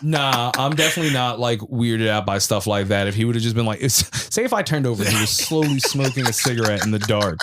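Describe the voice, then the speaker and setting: A man in his thirties telling an animated, slangy story with swearing on a casual podcast. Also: mid-range voice, fast, few pauses, very noisy. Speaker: podcast co-host. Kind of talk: casual chat.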